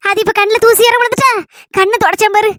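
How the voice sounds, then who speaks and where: A woman voicing a kindly elderly village grandmother in a comedy skit, speaking with a Kanyakumari Tamil accent in a soft, reassuring way. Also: extremely high pitch, steady tone, fast, no echo, studio quality. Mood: gentle.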